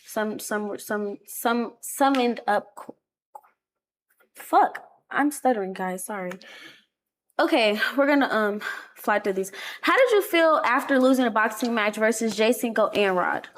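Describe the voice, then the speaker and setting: A young woman hosting a podcast, laid-back and teasing, firing off quick questions. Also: fairly high pitch, animated. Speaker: podcast host. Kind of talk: casual interview talk.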